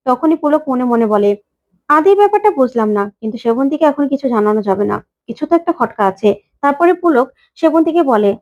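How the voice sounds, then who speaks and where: A woman's voice: high-pitched, darkish tone, lo-fi sound. A woman narrating a recap of a TV serial, voicing every character's lines herself.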